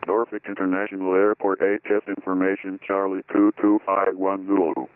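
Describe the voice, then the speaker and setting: A man's voice in an airport weather broadcast, heard over an aircraft radio as a flat, repeating recorded readout of weather figures. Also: low-pitched, brisk, clean tone. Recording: tinny dry radio channel.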